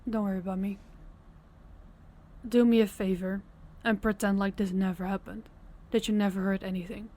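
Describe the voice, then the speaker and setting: A woman performs a guarded, stern woman in an audio roleplay. She talks directly to the listener in a measured, firm way, with an apologetic, pleading undertone. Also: medium pitch, little pitch movement, warm tone, natural voice.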